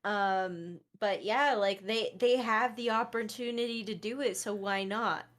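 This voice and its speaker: A woman co-hosts a laid-back podcast in a voice of ordinary middle pitch. She talks in a chatty way, hedging her points and padding them with fillers and asides. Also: steady tone, a little slow. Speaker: podcast co-host and streamer. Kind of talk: casual podcast chat.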